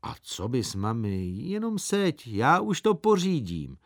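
A deep-voiced family father voiced by a man speaks firmly. His voice carries a lively melody, and the sound is dry and close. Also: dry recording. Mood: stern.

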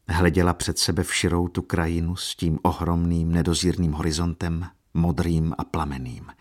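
A man narrating a literary audiobook in a measured, solemn reading voice. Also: deep voice.

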